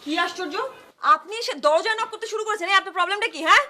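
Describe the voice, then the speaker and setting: An actress playing a young woman who loudly rehearses melodramatic stage lines and snaps back at her neighbor. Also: very high voice, very fast, slight background noise, heavily acted. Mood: indignant. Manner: melodramatic chanting of rehearsed lines, sharp retorts. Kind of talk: comedy drama acting. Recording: echoey room with music behind.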